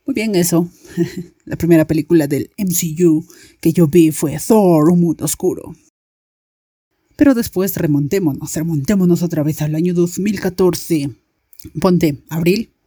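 Chatty young Latin American woman, warm voice. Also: lowish voice, slightly rough, no room sound, studio quality. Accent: Latin American Spanish. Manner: chatty, animated, acts out friends' voices. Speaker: podcast host. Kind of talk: casual storytelling monologue.

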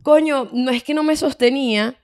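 A woman's voice: high-pitched, moderate pace, no echo. A young woman with a Venezuelan accent co-hosting a casual podcast, talking candidly with lots of slang. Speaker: podcast co-host. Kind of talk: casual chat.

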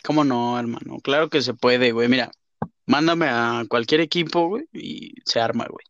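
Male Mexican football podcaster, playful and profane, loose slangy banter, medium pitch, dry recording. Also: normal speed, a bit bright, no room sound, dull audio. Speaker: podcast co-host.

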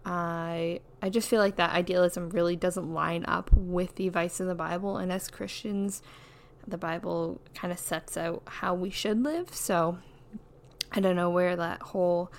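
A woman's voice: lowish voice, gravelly, darkish tone. A young adult woman talking casually as a solo podcast host, chatty and often dropping in "like" as a filler. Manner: chatty, says "like" a lot as a filler. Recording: noisy background.

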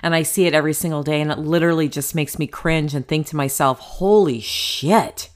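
Low-voiced motivational podcast woman. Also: flat delivery, fast. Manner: candid, chatty, motivational, casual swearing. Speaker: podcast host. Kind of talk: solo podcast monologue.

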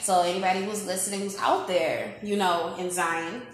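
A woman's voice: fairly low pitch, steady tone, moderate pace, heavy reverb, a little hiss or hum, low-quality recording. A woman in her twenties from Illinois, a podcast guest, chatting upbeat with lots of fillers. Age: 20s. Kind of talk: casual chat.

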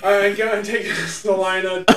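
A young man with a very high voice hosts a casual chat, giggling and teasing his friends. He sits back from the mic in a roomy, echoing space. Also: steady tone, normal speed, recorded from a distance, noisy background. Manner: giggly, teasing, laughs a lot. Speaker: host. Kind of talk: casual chat, picking game scores. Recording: echoey room, voice off-mic.

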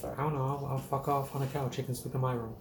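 A laid-back man hosts a loose, joking chat full of casual profanity. His mid-pitched voice rings in a roomy space, with a faint hiss underneath. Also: steady tone, fast.

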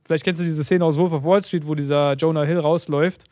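A man's voice: fairly high pitch, fairly even intonation, quick pace, a little mellow, no room sound, studio quality. A young man, an entrepreneur guest, telling a rambling anecdote in casual chat, full of fillers and tag questions.

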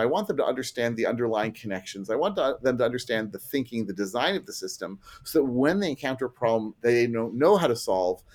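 A middle-aged man with a medium-pitched voice is interviewed as a guest. He explains his work as a trainer casually and self-deprecatingly, adding illustrative asides.

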